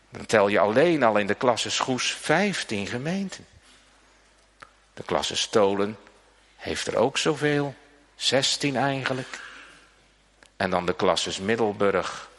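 A man preaching a sermon as pastor, slow and earnest, pressing hard on his pleas. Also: lowish voice, fairly bright tone. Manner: slow, gravelly preaching, rising to pleading emphasis. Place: church. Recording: church hall reverb.

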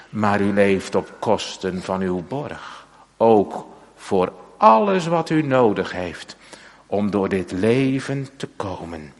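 A man preaches in a church, his low voice moving slowly and solemnly. He repeats phrases and lets long pauses hang in the air. The sound rings with the long reverb of a church hall. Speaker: pastor. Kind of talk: sermon.

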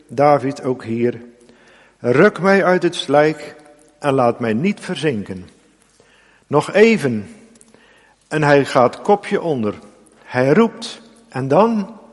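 Slow, earnest preacher in a reverberant church. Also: male voice, a little high. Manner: slow, earnest preaching with emphatic rising appeals. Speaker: pastor. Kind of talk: sermon.

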